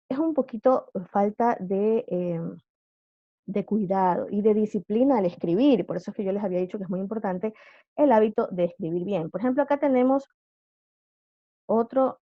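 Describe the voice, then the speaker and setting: A woman's voice: mid-range voice, moderate pace, pauses often, no room sound, dull audio. A woman teacher giving a live online class, patiently quizzing her students with questions.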